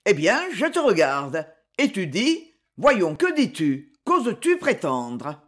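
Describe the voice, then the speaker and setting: A blustering male shopkeeper roars and bullies, voiced by an audiobook reader. His voice swings widely from deep growls to loud shouts. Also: wildly swooping pitch, slow, heavily acted. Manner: roaring, bullying. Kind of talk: audiobook character voice.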